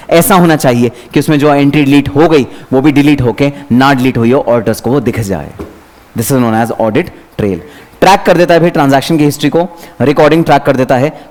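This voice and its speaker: A man teaching an exam revision lecture, chatty and lively, talking straight to his students. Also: fairly high pitch. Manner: lively, chatty, addresses students by name, mixes English terms.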